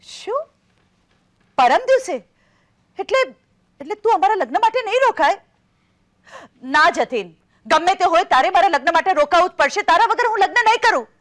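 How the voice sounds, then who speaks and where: An emotional middle-aged woman in a stage drama, her voice high and swinging widely as she speaks. She stumbles and hesitates over her words, then presses hard and insistently, caught between fond longing and stubborn resolve. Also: very animated, moderate pace, pauses often, fairly bright tone, heavily acted. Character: emotional middle-aged woman, newly separated after twenty years of marriage. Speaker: stage actress. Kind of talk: stage play acting.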